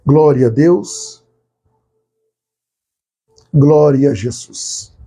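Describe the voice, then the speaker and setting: A male pastor leading a live prayer, pleading fervently, with loud high cries and quiet murmurs in between. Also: extremely slow, breathy edge.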